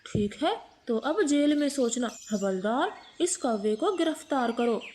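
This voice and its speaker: A woman voicing a stern male police inspector bird in a cartoon, lowering her voice to lecture a thief. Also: lively intonation, unhurried, a little mellow, slight background noise.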